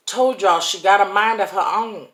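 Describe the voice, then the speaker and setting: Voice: medium pitch, moderate pace, fairly bright tone. A speaker giving a casual devotional talk to viewers in a folksy way, chuckling often and speaking straight to the audience. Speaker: online inspirational speaker. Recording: roomy echo.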